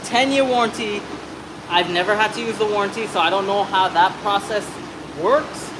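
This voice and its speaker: This is a thirty-something mechanic whose voice sits high, speaking at ordinary speed with noise behind him. Working on a truck raised on a hoist, he narrates a brake job in a loose, wandering how-to style, cursing occasionally.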